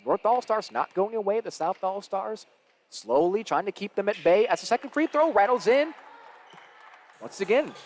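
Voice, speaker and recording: A man with a high, bright voice calls a high school basketball game play by play, his delivery climbing with each drive and shot. A faint gym murmur sits under his words. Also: a little hiss or hum. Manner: rapid and energetic, rising with the action. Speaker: play-by-play announcer. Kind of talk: live basketball play-by-play commentary.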